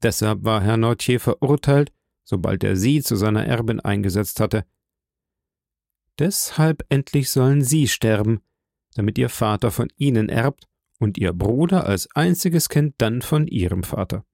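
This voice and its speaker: A man playing a calm, commanding nobleman in an audiobook reading, measured and solemn. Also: on the low side, gravelly, no echo, clean studio sound. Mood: grave.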